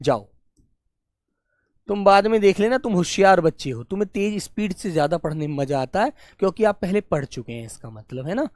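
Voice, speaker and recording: A man teaching an online language class, who asks each question again and again, calls his pupils "beta" and gently scolds them. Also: sits high, lively intonation, a little fast, no room sound. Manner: gently scolding, patient explainer. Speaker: Hindi teacher. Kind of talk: live online exam-prep class.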